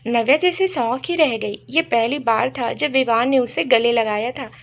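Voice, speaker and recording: A woman's voice: a little high, moderate pace. A woman narrating a romantic story in a conversational storytelling manner.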